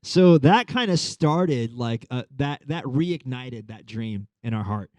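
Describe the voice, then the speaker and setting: A man's voice: medium pitch, expressive, slow, a little mellow, no room sound. A man in his thirties giving a conversational sermon as a pastor, telling a story with many fillers. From Long Island. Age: 30s.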